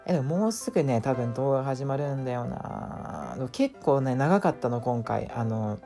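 A man's voice: mid-range voice, lively intonation, normal speed, gravelly, dark tone, soft background music. A man with a records a casual voice-over for his vlog, complaining in an exasperated, whiny way. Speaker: vlogger.

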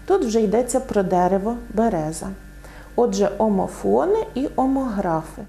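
Lively woman teaching a language lesson. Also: mid-range voice, moderate pace. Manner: clear, didactic, gives many examples. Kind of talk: explanatory lesson.

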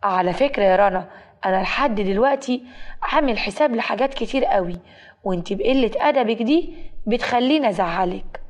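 A woman in Egyptian Arabic voicing a stern, quick-tempered young husband who talks in curt threats, in a storybook tale. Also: medium pitch, lively intonation, close to an everyday voice.

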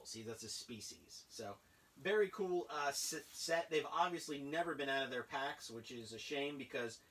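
A man in his thirties chatting casually and rambling with excitement as he unboxes old toys in a cluttered basement room. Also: medium pitch, distant mic. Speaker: toy collector vlogger. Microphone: camera a few feet away.

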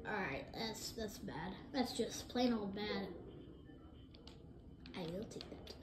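A woman giving excitable live gameplay commentary, jumping between hyped shouts and low mumbles. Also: takes it slowly. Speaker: gaming video creator. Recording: roomy echo with faint noise.

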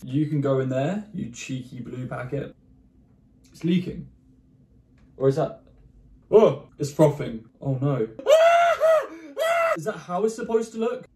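A young man vlogging in his bedroom as he tries candy, excitable and joking, cursing and exclaiming as he goes. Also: mid-range voice, a little slow, long pauses, reverberant, a little hiss or hum. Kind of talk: casual candy-tasting vlog.

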